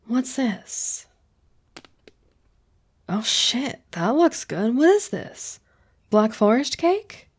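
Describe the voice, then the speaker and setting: A woman's voice: a little high, big pitch swings, drawn-out words, pauses often, heavily acted. A woman voicing an affectionate young adult girlfriend in an audio role-play, playful and teasing, with casual swearing.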